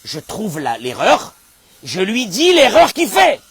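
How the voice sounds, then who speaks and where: A male rabbi preaches with a slightly raised, husky voice that swings widely in pitch. He acts out the people he quotes and suddenly bursts into shouts. The sound is close and dry. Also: wildly swooping pitch, takes it slowly, dry recording. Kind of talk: animated sermon.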